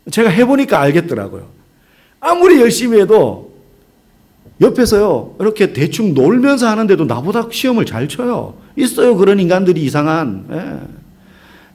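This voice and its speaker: A male pastor in his forties preaching a sermon in a church, telling stories with humor and swinging from loud to hushed. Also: fairly high pitch. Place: church sanctuary.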